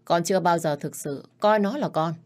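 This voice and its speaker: A woman reading the lines of a cold, ruthless young man who heads for control of a crime family, with calm, mocking menace. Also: on the low side, moderate pace, natural voice.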